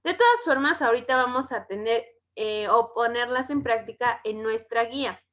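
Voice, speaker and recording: A woman's voice: a little high, a bit bright. A woman with a Mexican Spanish accent teaching a grammar lesson to schoolchildren, often checking in with "¿ok?". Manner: slow, checks in with "¿ok?".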